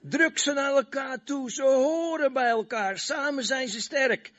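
A man voicing a person who pleads urgently with God in a high, strained voice during a sermon. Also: a little slow, a bit bright. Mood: imploring. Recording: dull, muffled sermon recording.

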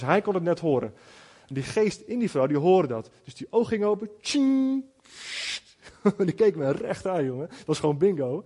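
A man's voice: fairly high pitch, darkish tone. A man preaching informally, telling stories in an earnest way with many restarts and fillers. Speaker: preacher teaching on spiritual gifts. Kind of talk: informal sermon teaching. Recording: long hall reverb.

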